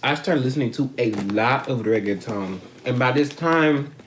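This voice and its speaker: A man's voice: medium pitch, moderate pace, slight background noise. A man from the United States talking to his camera, rambling, swearing freely and using slang while he eats and talks. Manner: rambling, profane, slangy and frank. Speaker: vlogger. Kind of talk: casual talk to camera. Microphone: camera mic.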